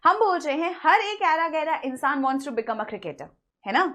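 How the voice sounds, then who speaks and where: High-pitched and bright, with big swings in pitch and a pushed quality, a woman delivers an online English grammar lecture. She explains in Hindi laced with English, asks and answers her own questions, and slows down for example sentences.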